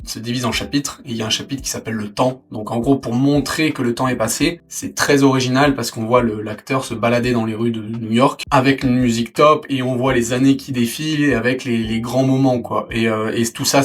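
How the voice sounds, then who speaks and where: Male French film reviewer, casual and halting, prone to indignant rants. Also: mid-range voice, slightly rough. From France. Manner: filler-heavy and halting, turning into an indignant rant. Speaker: film critic.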